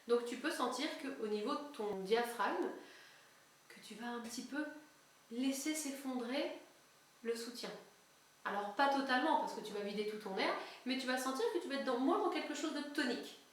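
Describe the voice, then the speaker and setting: A woman's voice: sits high, expressive, normal speed. A woman giving an online singing lesson, explaining step by step to the viewer in a friendly, informal way and breaking into short sung examples. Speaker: singing teacher. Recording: very echoey room, faint music.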